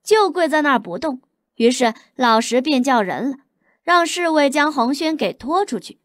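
High-voiced woman narrating a novel. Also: lively intonation, normal speed, no room sound, clean studio sound. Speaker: audiobook narrator.

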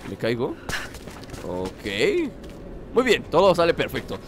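A man doing joking, chatty let's-play commentary with sudden excited yelps. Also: medium pitch, takes it slowly, a little hiss or hum. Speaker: gameplay commentator.

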